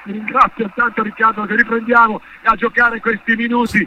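High, piercing male radio football commentator. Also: little pitch movement, normal speed, sharp tone, muffled recording. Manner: partisan, speaks as one of the fans. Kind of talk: live play-by-play football commentary. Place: football stadium commentary position. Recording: band-limited radio broadcast with background noise.

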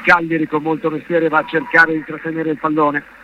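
Live from a stadium, a man calls football play-by-play on the radio, partisan and speaking as one of the fans. His voice is fairly high, monotone and brisk. The sound is phone-quality, a band-limited radio broadcast with background noise.

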